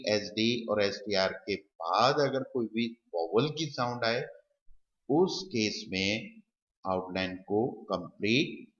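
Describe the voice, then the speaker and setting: A man teaching shorthand step by step, talking slowly and repeating the example as he writes them. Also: fairly low pitch, a bit bright. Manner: slow, repeats example words while writing. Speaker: shorthand tutor. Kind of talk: slow step-by-step lesson. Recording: dull, roomy recording.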